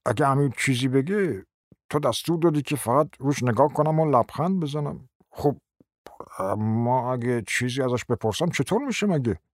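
A timid, slow-witted husband, voiced by a male reader, stammers and hesitates at a middle pitch. The sound is dry and close, with no room around it. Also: lively intonation, no echo, close to an everyday voice. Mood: hesitant. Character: meek dim-witted middle-aged husband. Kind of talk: audiobook dramatic reading.

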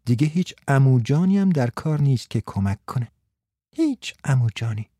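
A man's voice: medium pitch, animated, mellow, dry recording, clean studio sound, lightly acted. A man voicing an anxious, lovesick young shop clerk in an audiobook, earnest and fretful. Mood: pleading. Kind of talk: audiobook character reading.

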